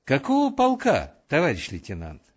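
A man's voice: fairly high pitch, huge pitch swings, normal speed, breathy edge, highs cut off, pitched above the performer's own voice, full character voice. A man voicing a younger woman who teases with a smile. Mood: teasing. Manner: teasing, smiling. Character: teasing younger woman in a storeroom.

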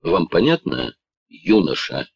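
A man reading an audiobook and voicing a cold, commanding gentleman who speaks in a stern, clipped manner. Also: deep voice, very animated, takes it slowly, creaky, husky, dull audio, full character voice.

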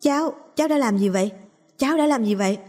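A woman's voice: fairly high pitch, expressive, fast talker, dark tone, in a large hall, voice pushed up. A woman voicing a panicked young woman in a storybook reading, speaking anxiously and urgently.

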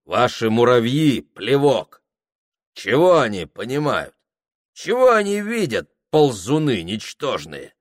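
A reader playing a coarse villager who sneers at every idea, dismissive and blunt. His pitch moves a lot, slow and dry. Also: very animated, no room sound. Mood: scornful. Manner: scornful, dismissive.

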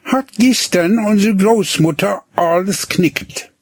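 A man reading aloud and voicing a gruff, boastful young herd boy who talks curtly. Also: sits high, slow pace, dry recording, studio quality, voice pushed up, exaggerated voice. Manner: curt, blustering.

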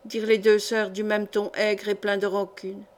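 A woman reading a historical novel aloud as an audiobook, with clear, expressive storytelling. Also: mid-range voice, moderate pace. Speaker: audiobook reader. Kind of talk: expressive literary audiobook narration.

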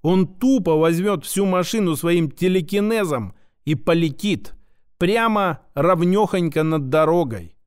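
A man's voice: high voice, lively intonation, unhurried, clean tone. A man voicing a sarcastic, abrasive plump female scientist who mocks and lectures. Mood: scornful. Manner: mocking, name-calling, lecturing.

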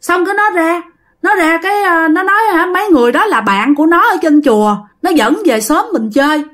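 A woman's voice: very high-pitched, fairly quick, fairly bright tone, pitched above the performer's own voice. A woman with a Southern Vietnamese accent voicing an old village shopkeeper woman who stammers in fright. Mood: agitated. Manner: stammering, breathless exclamations.

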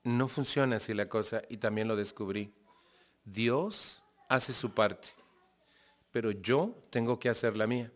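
A man's voice: lowish voice, a little slow. A man with a Mexican accent giving a conversational personal testimony to a recovery group, laughing often and checking in with his listeners. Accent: Mexican Spanish.

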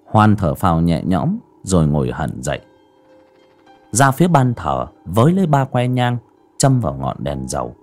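A man narrating a scripted horror story with a dramatic, breathy delivery. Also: sits low, wildly swooping pitch, moderate pace, a little mellow. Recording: faint background music.

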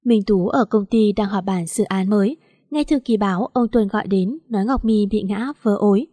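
A woman narrating an audiobook story in smooth, steady storytelling. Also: medium pitch, moderate pace, dry recording, clean studio sound.

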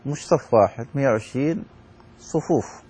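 Sheikh teaching a class, husky voice, mid pitch, short explaining remarks. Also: male voice, a little fast, dark tone. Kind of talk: teacher's spoken comments on a reading.

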